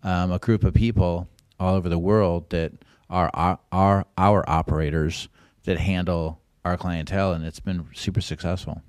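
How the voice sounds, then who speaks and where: A man with a very low voice that sounds close and dry, as if recorded in a deadened studio. He tells stories in a relaxed, meandering way, full of asides, as a guest on a podcast. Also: normal speed, no room sound. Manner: laid-back, rambling with many asides. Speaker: podcast guest, concierge business owner. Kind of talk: casual anecdotal storytelling.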